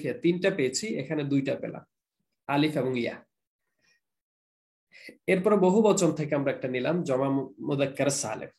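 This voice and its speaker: A man with a Bangladeshi Bengali accent giving a classroom grammar lecture, slowly repeating examples and drilling word forms. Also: a little high, creaky, a little mellow. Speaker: Arabic grammar teacher.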